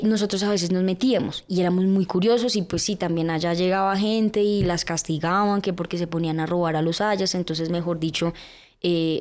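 A young woman with a Colombian accent, a podcast guest telling her life story in a lively way, with lots of fillers and acted-out quotes. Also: fairly low pitch. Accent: Colombian Spanish. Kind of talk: personal storytelling in a podcast interview.

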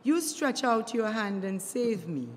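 A woman's voice: fairly high pitch, expressive, measured pace. An elderly woman in her seventies reading scripture solemnly as a lector, in an echoing church. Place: inside a church. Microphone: microphone on lectern stand. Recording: church reverb with clear background noise.

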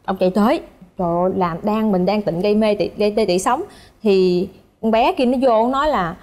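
A woman's voice: mid-range voice, brisk. A woman in her twenties with a Southern Vietnamese accent, a guest telling stories casually and acting out the voices she quotes. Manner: lively, acts out quoted voices. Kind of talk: casual storytelling.

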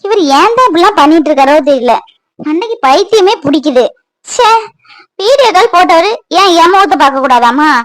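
A brooding young cartoon mother, voiced by a woman, pours out her hurt in a very high, sorrowful voice. She talks to herself in a self-pitying way. The sound is dry and close. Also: fairly bright tone, no echo, low-quality recording. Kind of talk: cartoon voice acting.

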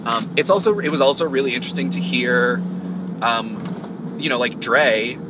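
Man chatting while driving, loud road noise. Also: medium pitch, normal speed. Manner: thoughtful, hesitant, many restarts and ums. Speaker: podcast co-host. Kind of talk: casual chat on a road trip. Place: inside a moving car. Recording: distant mic, loud road noise in a car.

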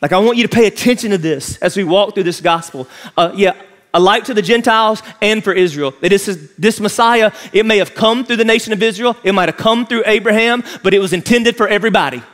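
A man's voice: high-pitched, quick pace, a bit bright. A man, preaching an emphatic sermon as pastor in a large church auditorium. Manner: impassioned, emphatic preaching, walking the stage.

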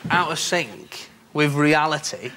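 Young man, high-pitched voice. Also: lively intonation, takes it slowly, bright, forceful tone. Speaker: panel show guest. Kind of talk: comedy panel banter. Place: television studio. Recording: noisy television studio.

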